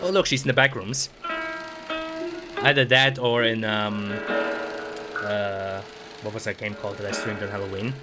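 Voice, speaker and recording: A man's voice: fairly low pitch, level tone, normal speed, pauses often, over music. A young man streaming a video game, rambling in casual commentary with sarcasm, frequent swearing and stammered restarts.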